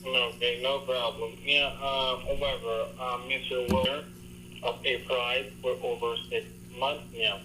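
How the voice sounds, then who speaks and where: A man on a phone line giving a formal, overly polite scripted pitch, repeating "wonderful". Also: flat delivery, a little slow. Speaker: scam caller. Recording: tinny phone line with faint hiss.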